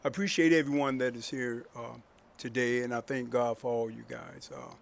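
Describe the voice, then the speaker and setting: A man who leads his village, speaking off the cuff at an outdoor podium, halting and choked up with emotion, pausing often on "uh". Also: medium pitch, fairly even intonation, creaky. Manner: halting, full of "uh" pauses. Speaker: village president. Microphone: podium microphone.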